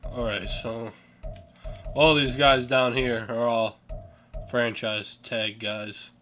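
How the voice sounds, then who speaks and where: Slow, sleepy young man narrating gameplay. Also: medium pitch, fairly even intonation, a bit bright, soft background music. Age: young adult. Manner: offhand, swears casually, mumbles names. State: sleepy, yawning. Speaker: gaming channel host. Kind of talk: casual gameplay commentary.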